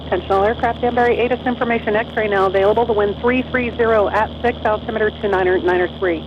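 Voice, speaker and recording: A woman's voice in a recorded airport weather broadcast, heard over aircraft radio, reading wind and altimeter figures in a clipped, even way. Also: medium pitch, quick pace. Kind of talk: automated-style weather and runway information readout. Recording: muffled radio audio with loud engine noise.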